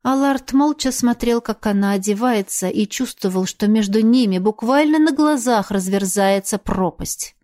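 A woman's voice: fairly high pitch, moderate pace, hardly any pauses, a little mellow. A woman reading dramatic fiction as a scripted audiobook narrator.

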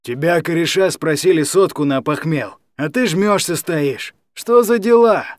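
A man voicing a hungover, pushy ex-convict who begs and threatens in a rough voice, in a storybook reading. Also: fairly high pitch, a little slow, dry recording, pitched above the performer's own voice, close to an everyday voice. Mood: menacing. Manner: rough, whining then threatening.

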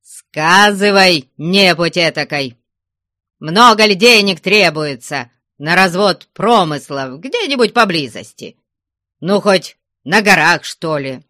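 A man reading aloud, voicing a domineering old merchant who scolds and shouts, in a storybook reading. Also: high voice, animated, slow, no echo, clean studio sound, exaggerated voice. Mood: angry.

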